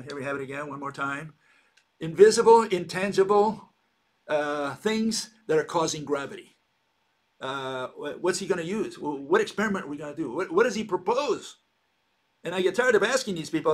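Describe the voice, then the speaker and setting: Rambling, mocking man with a higher voice. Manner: rambling and mocking, with many hesitations and restarts. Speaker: channel host. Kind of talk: sardonic monologue commentary.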